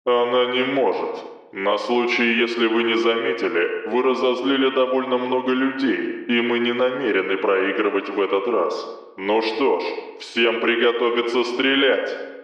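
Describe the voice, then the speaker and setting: A man's voice: mid-range voice, normal speed, a bit bright. A man voicing a cold, menacing hooded leader through a buzzing, distorted voice effect, curt and commanding. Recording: distant, hollow, dull echoing sound.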